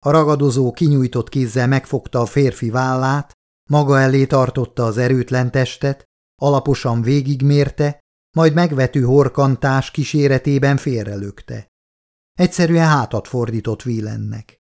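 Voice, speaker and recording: A man narrating a novel as an audiobook, with a middle-pitched voice. His reading is measured and steady, building tension through careful pacing. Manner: measured, dramatic storytelling. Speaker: audiobook reader. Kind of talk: scripted narration.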